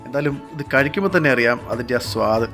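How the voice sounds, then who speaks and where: Male food vlog narrator, Kerala Malayalam accent, medium pitch, quick, conversational, faint music underneath. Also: a bit bright.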